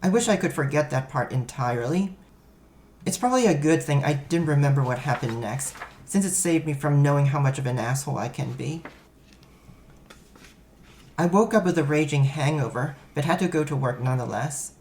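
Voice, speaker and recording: A man's voice: fairly high pitch, lively intonation, normal speed, a little mellow, a little hiss or hum. A man reading a first-person story aloud, in a wry, self-mocking storytelling manner. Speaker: narrator.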